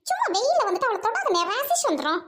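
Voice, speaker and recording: Brief: woman plays snooty rich sister, high, sneering, whiny, village family skit. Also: very animated, quick pace, a bit bright, heavily acted. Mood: scornful. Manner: scornful, mocking, whiny. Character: haughty rich young woman snubbing her poor brother.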